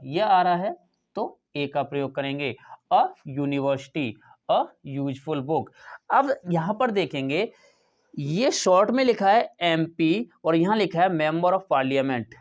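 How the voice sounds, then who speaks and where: A man, explaining a grammar lesson as a teacher, repeating words and answering his own questions. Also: sits high. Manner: repeats words slowly, asks and answers himself. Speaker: English teacher. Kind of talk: classroom explanation.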